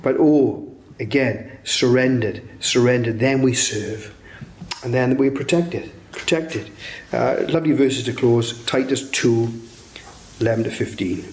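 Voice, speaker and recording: A man leads a church Bible study in a relaxed preaching voice, slipping into joking asides. His voice rings around a roomy church space. A faint hiss sits under it. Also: mid-range voice, a little slow. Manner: chatty, self-mocking asides. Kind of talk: sermon. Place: church hall. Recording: echoey church room.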